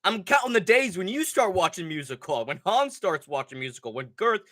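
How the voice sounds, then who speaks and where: This young host's voice sits high and moves briskly, with no room sound in the recording. Nasal from a cold, he runs a casual livestream, cursing, rambling and getting fired up over fight picks.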